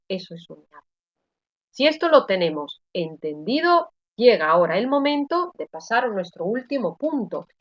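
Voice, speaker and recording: A woman giving an online grammar lesson, sounding out words slowly and explaining with frequent checks like "¿eh?". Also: mid-range voice, a bit bright, no room sound. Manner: slow, careful word-by-word pronunciation drills; explanatory, addresses students with frequent "¿eh?". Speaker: Spanish teacher.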